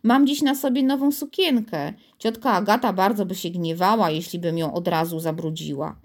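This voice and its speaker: A woman voicing a gentle, careful young girl. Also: on the low side, moderate pace.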